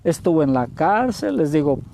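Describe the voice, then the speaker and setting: A man in his sixties with a Mexican accent, preaching a sermon as an evangelist and telling a story with feeling, booming at some moments and going hushed at others. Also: sing-song, moderate pace, creaky, slight background noise. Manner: emotional storytelling, swings between loud exclamations and hushed words.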